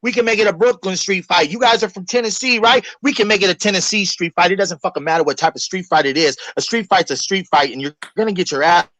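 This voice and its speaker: An aggressive man from Iowa rattles off profane wrestling trash talk at a fast clip. His voice is high and recorded close and dry. He talks over the others without a pause. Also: fairly bright tone, no echo. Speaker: wrestler, guest.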